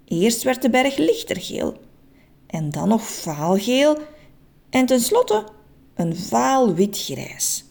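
A woman narrating a children's story in an expressive, playful, suspenseful way. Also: a little high, takes it slowly, gravelly.

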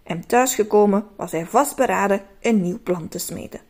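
A woman reading a storybook aloud, expressive with hushed asides. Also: mid-range voice, normal speed, husky.

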